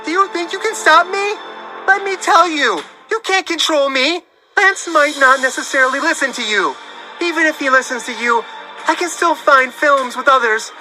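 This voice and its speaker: A man voicing a spoiled, furious young actress who shouts and begs. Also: moderate pace, faint music behind, full character voice. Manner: shrill shouting.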